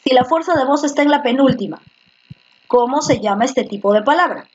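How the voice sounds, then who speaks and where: Patiently repeating vocabulary and quizzing students, a female teacher leads an online class heard through her computer mic. Her voice sits high, with lively intonation, a fairly quick pace and a slightly mellow quality. The lo-fi sound is slightly muffled and carries slight background noise.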